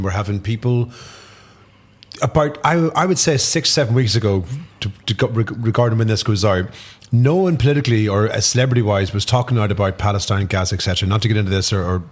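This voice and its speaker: A man with a Northern Irish accent, a podcast guest telling stories in casual chat, animated, swearing freely and laughing often. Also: lowish voice, brisk. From Northern Ireland.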